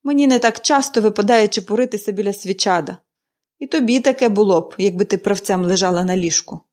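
A woman's voice: mid-range voice, quick pace, a little mellow, natural voice. Woman reading as a dry, peevish invalid. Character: bitter bedridden woman of forty. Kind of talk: audiobook character reading.

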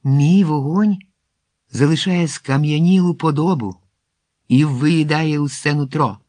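A man's voice: medium pitch, measured pace, darkish tone, no echo, natural voice. A man voicing a cold, cruel male cave warlord who speaks spitefully and commandingly in a storybook reading. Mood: cold menace.

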